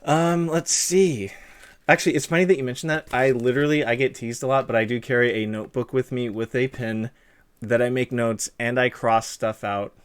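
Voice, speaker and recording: Smooth and steady in tone, a young streamer with a medium-pitched voice talks at normal speed as he interviews a guest on his live stream. Chatty and easygoing, he rambles, reads viewer comments aloud, and uses many fillers and restarts.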